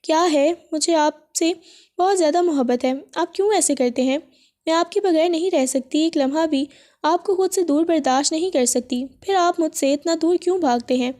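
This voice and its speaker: A woman's voice: sits high, warm tone, close to an everyday voice. A woman reading a hurt, pleading young wife. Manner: pleading, emotional.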